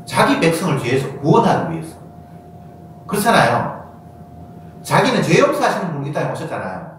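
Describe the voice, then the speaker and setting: A man preaching a sermon as pastor, animated and acting out quoted voices with sudden high bursts. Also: brisk. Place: church sanctuary. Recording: echoey church hall from far off, faint noise.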